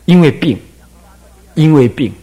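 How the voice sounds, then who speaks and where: An older abbot from Taiwan gives a Buddhist dharma lecture to monastics, his higher-pitched voice unhurried. He's animated and playful, breaking into sung and chanted examples to illustrate his points.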